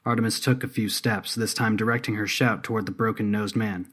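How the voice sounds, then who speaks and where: A man narrating a scripted story in a steady, measured way. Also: lowish voice, breathy edge.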